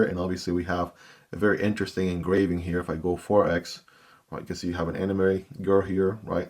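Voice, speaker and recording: A man with a low-pitched, slightly mellow voice hosts his own gear channel, unboxing and reviewing a knife. He is chatty and talks straight to his viewers in a casual way.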